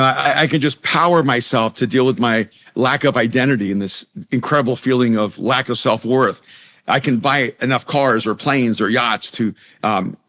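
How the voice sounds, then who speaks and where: Appearing as an interview guest, this Salvadoran author and pastor, middle-aged and a native Spanish speaker, speaks in an earnest, conversational way. His mid-range voice sounds a bit bright, and his speech is full of restarts and repeated words.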